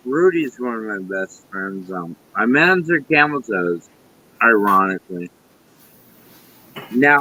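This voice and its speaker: A man's voice: fairly low pitch, pushed and bright, a little hiss or hum, poor audio. A man chatting on a friend's live stream, swearing and rambling agitatedly. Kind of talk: casual live-stream chat.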